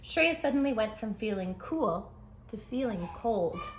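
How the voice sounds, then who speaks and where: In an unhurried way, a woman with a voice on the high side and lively intonation reads a children's book aloud. She adds dramatic emphasis and speaks directly to young listeners over background music.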